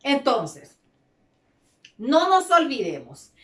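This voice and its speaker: High voiced lady teacher going super slow, repeats stuff, echoey room. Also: big pitch swings, a bit bright. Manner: repeats key words, stretches words out. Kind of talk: slow, deliberate classroom lesson. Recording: roomy echo.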